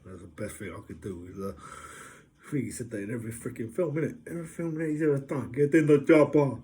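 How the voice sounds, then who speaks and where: A man chats loosely to his camera, upbeat and jokey. His voice is mellow and warm. He rambles and fills his talk with fillers. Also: mid-range voice, fast. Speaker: vlogger. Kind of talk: casual vlog monologue.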